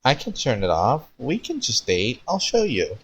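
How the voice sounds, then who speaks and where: A man's voice: medium pitch, wildly swooping pitch, moderate pace, a little hiss or hum, voice pushed up. A man voicing a lost, nervous, earnest martial artist in his late twenties from a fanfiction story.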